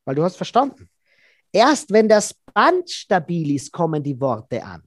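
A man, a body language expert being interviewed, who explains in a lively way and acts out quoted dialogue. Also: high-pitched, unhurried, dry recording, clean studio sound.

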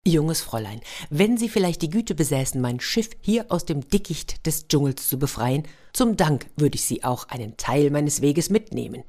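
A woman's voice: low-pitched, animated, moderate pace, hardly any pauses, warm tone. A woman doing a gallant tin soldier captain. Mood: courtly. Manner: stiffly polite, commanding.

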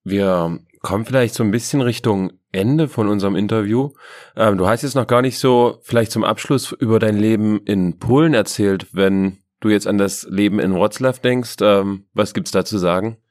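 A male interviewer asking calm, measured questions with a few fillers. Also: fairly low pitch, dry recording, studio quality.

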